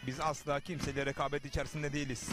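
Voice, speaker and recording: A man's voice: on the high side, flat delivery, racing. A man hosting live televised wrestling commentary, addressing viewers and reading out their messages in short, emphatic phrases. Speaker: TV sports commentator and host.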